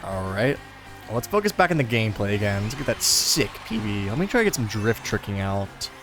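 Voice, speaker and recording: A gaming video host, a young man with a fairly low, sing-song voice, talks briskly over music while playing a racing game. His casual storytelling drifts around and leans on lots of fillers.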